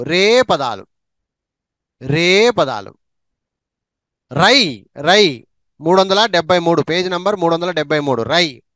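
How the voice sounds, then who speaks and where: A man runs a slow reading drill, going through syllables and words one at a time and repeating each one. His voice sits high and moves at a very unhurried pace. The recording is close and dry, with no room sound. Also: fairly bright tone, clean tone, dry recording. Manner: repeats each word twice, drawn out. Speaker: teacher.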